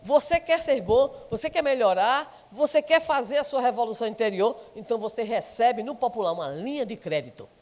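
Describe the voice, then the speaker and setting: A woman's voice: a little high, animated, brisk, few pauses, darkish tone, big-room sound. A woman giving a Spiritist lecture to an audience, telling stories and asking rhetorical questions. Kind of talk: public lecture with storytelling.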